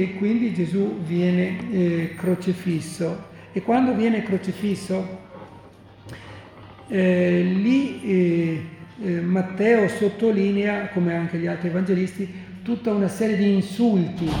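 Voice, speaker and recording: A man preaching a sermon, full of rhetorical questions and lively emphasis. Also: high-pitched, creaky. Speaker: priest. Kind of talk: sermon on the Passion. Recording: echoey hall, heard from a distance.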